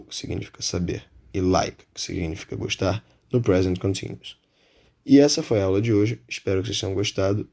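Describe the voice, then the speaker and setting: Low-voiced Brazilian man teaching grammar. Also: vocal fry, mellow, breathy edge. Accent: Brazilian Portuguese. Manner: measured, spells out examples slowly. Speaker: English teacher. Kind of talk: explanatory lesson.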